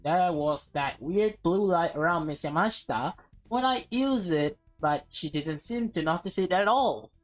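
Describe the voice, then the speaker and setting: In a lowish, unhurried voice, a woman reads a visual novel for a let's play, staying expressive and tossing in offhand comments. Soft music plays in the background.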